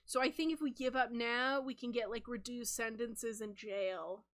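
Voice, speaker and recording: A self-aware cartoon seagull henchman in a rainbow hat, put on by a woman. The voice is high and bright, chatty and matter-of-fact, arguing its point with exasperated frankness. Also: fairly even intonation, moderate pace, close to an everyday voice. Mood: candid. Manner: exasperated, then frankly reasoning.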